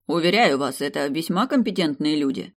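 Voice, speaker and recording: A man's voice: a little high, expressive, fairly quick. A man voicing an anxious, sweating minister of justice trying to placate his ruler in an audiobook.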